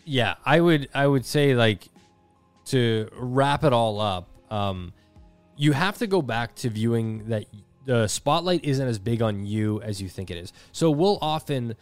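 A man's voice: mid-range voice, animated, measured pace, dry recording, faint music behind. A man in his thirties co-hosting a podcast, talking in a candid, self-deprecating way with the odd casual swear. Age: 30s. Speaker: podcast co-host. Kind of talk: casual reflective chat.

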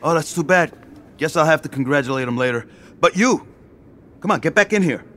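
An actor playing an enthusiastic, persuasive music label boss. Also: male voice, on the high side, animated, brisk, fairly bright tone. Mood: eager. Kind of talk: audio drama acting.

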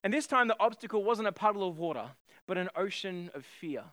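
A man's voice: sits high, lively intonation, fairly quick, sharp tone, no echo, clean studio sound. A man in his thirties from Australia, a pastor preaching a sermon and telling a personal story with self-deprecating humor.

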